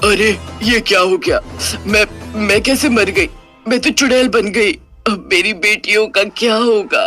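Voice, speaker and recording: A woman voicing a worried mother who has become a witch spirit, speaking low and fretfully. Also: measured pace, fairly bright tone, soft background music, natural voice. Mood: anxious. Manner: low, fretful, scolding muttering. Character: worried widowed mother turned ghostly witch.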